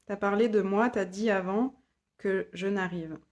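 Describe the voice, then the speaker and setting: Slow-talking woman chatting on a home live stream. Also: medium pitch. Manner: warm, laughs often, reads comments aloud and repeats them. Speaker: live stream host, human design guide. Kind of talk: casual live chat reading viewer comments. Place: her home office. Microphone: phone or laptop mic.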